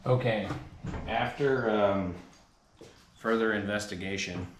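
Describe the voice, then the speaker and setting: In his home garage, working at and under a car, a man hosts his channel with casual work-along narration, rambling and joking at his own expense while he wrenches. His voice is fairly low and slow, with a little hiss or hum in the recording.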